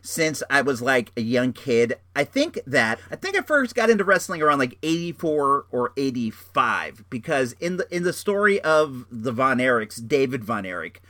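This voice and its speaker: A man's voice: medium pitch, very animated, moderate pace, hardly any pauses, sharp tone, dry recording. A middle-aged man hosting a show with casual, rambling reviews, enthusiastic and slangy, often repeating his phrases. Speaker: show host.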